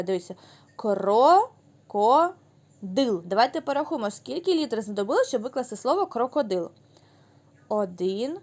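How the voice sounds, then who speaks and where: A woman teaching a class of young children in a fairly high voice, pacing herself slowly and carefully. She stretches words out into syllables, answers her own questions and praises the class. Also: a little mellow. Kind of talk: children's lesson.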